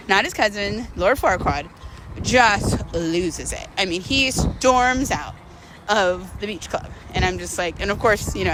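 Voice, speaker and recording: A woman vlogger with a lowish voice tells a personal story over background noise. She's casual and slangy, dropping "like" constantly and acting out bits of dialogue.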